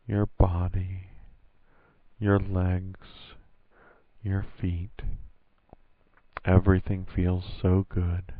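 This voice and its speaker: A man leading a hypnosis induction as a hypnotist, speaking in a soothing, repetitive, hypnotic way with drawn-out pauses. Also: deep voice, dry recording. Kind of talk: hypnosis induction, scripted guided relaxation. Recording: narrow phone-like band, roomless dry sound.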